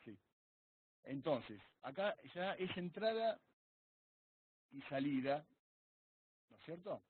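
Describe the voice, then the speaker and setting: A man's voice: on the high side, very animated, slow, breathy edge. A man asking questions as a student in a live online class, hesitant and searching for words. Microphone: video call. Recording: tinny video call audio.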